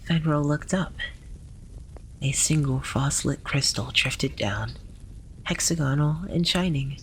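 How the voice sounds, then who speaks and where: A storyteller narrating a scripted tale in a gentle, hushed ASMR library whisper, often slipping into breathy whispering. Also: medium pitch, slight background noise, poor audio.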